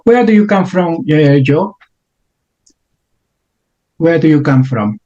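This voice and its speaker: A man's voice: a little high, lively intonation, slow pace, dark tone, lo-fi sound. A man hosting an interview, asking long questions with many restarts and fillers. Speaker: interview host.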